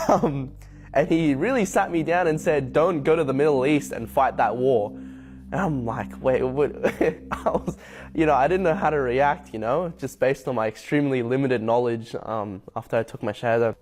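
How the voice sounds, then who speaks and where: A young man from Hong Kong telling his personal story to camera, reflective and unhurried, with frequent ums. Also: mid-range voice, darkish tone, slight background noise. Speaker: convert sharing his story. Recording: faint music bed behind voice.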